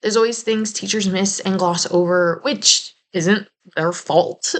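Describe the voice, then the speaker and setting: A woman's voice: medium pitch, steady tone, unhurried. A young woman from New Jersey giving a casual video essay commentary, chatty and prone to playful asides. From New Jersey, United States.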